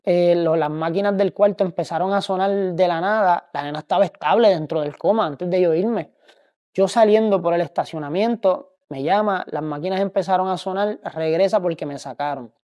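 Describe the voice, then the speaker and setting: A man in his thirties with a Puerto Rican accent, giving a personal faith testimony, halting and grieving with many pauses. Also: sits high, dark tone, dull audio. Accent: Puerto Rican Spanish. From Puerto Rico. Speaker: testimony speaker.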